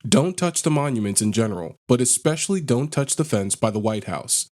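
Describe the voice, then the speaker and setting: A man narrating online posts in a flat, list-like read-aloud delivery, as a scripted narration. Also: medium pitch, brisk.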